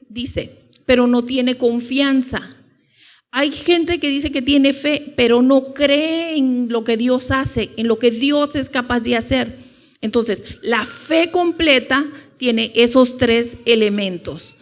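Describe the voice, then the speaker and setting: A woman preacher giving an informal Bible teaching. She asks the congregation rhetorical questions and slows down to stress key points. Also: high voice.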